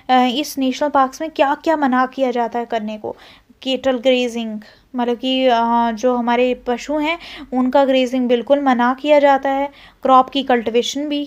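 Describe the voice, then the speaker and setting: High-voiced woman teaching biology in Hindi-English. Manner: mixes Hindi and English, fillers and self-corrections; repeats terms while explaining. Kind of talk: exam-prep lecture.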